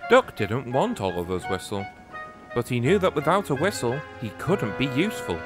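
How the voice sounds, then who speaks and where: A man narrating a storybook tale about engines in a gentle, unhurried way. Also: mid-range voice, sing-song, music in the background.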